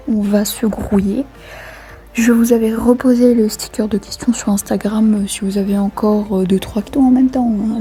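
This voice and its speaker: A woman's voice: fairly high pitch, warm tone. A young woman in her teens chatting casually outdoors as a vlogger, answering viewer questions in a rambling, hesitant way with lots of fillers. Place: outdoors by a wood near a road.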